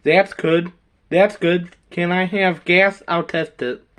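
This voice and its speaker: A man's voice: sits high, fairly even intonation, slow, fairly bright tone. A man narrating and voicing silly characters in a toy role-play video in a goofy way. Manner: goofy, playing many characters.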